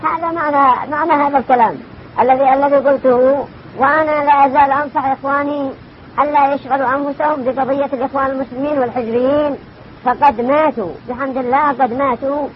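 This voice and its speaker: An older man answers religious questions as a scholar in a very high, fast voice. He repeats phrases to drive them home. The sound is an old worn tape, dulled and faintly hissy. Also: fairly even intonation, muffled recording.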